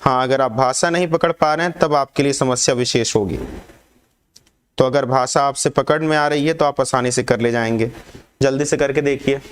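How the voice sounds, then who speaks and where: A man teaching an online exam-prep lesson, reading questions aloud and urging students to answer quickly. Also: mid-range voice, smooth.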